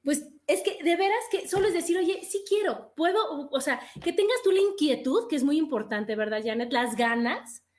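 High, enthusiastic woman host. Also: lively intonation, moderate pace, hardly any pauses, darkish tone. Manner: enthusiastic, encouraging. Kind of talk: casual chat.

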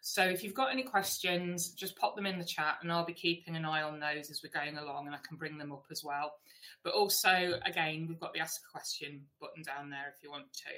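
A woman's voice: sits low, fairly even intonation, a little fast, sharp tone. A woman hosting a live online webinar, welcoming viewers in a chatty, friendly way with frequent ums. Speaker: webinar host.

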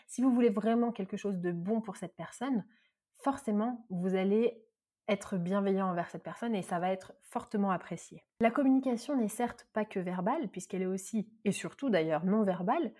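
Woman, podcast host, coaching monologue, fast talker, from France. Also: medium pitch, breathy edge. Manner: very fast, lively talker with many examples. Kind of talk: self-help podcast monologue.

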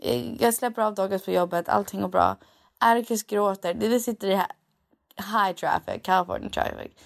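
Gravelly young Swedish woman telling stories. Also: mid-range voice. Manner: mixes English phrases into Swedish, animated storytelling. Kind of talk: casual chat.

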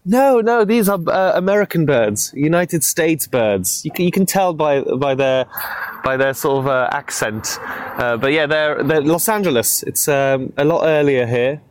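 A man's voice: a little high, animated, measured pace, smooth. A man with a British accent chatting as a comedy podcast guest, rambling and self-mocking with frequent laughs. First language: French. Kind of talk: casual chat. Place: home in Los Angeles.

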